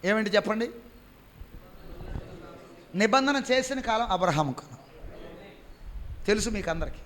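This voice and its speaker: A man preaching a sermon, quizzing the congregation and stretching key phrases slowly and loudly. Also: high voice, lively intonation.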